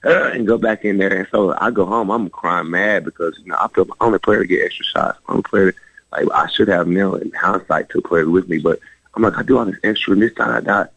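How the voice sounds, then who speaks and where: Brief: very low, fast-talking man with a husky fry; rambling guest on lo-fi radio. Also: no room sound. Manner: rambling, animated, many restarts. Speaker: former college basketball player, guest. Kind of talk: storytelling in a radio interview.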